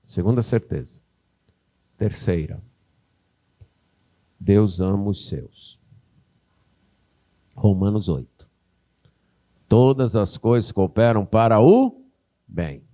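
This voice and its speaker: A man's voice: on the low side, lively intonation, takes it slowly, long pauses, dark tone. A man with a Northeastern Brazilian accent, a pastor preaching a sermon, who acts out a parent and child in a raised voice.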